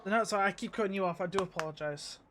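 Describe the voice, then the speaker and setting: High-voiced chatty race commentator man. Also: rapid-fire, a bit bright, a little hiss or hum. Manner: chatty, restarts and apologises. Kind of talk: live sim racing commentary.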